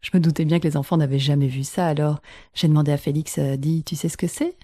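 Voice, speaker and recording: A middle-aged woman from France narrating family stories for her grandchildren in a lively, animated way. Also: low voice, fast, dry recording, clean studio sound. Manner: lively, animated retelling with quoted voices. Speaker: podcast host. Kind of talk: storytelling podcast narration.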